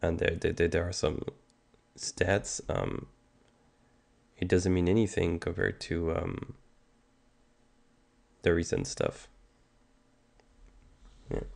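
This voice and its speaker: A Canadian man in his 30s, ill with a stuffy nose and sore throat, rambles casually on a music livestream. Though low, slow and fried, with a darkish tone and long pauses, he sounds very animated, and his speech is hesitant with frequent ums and restarts.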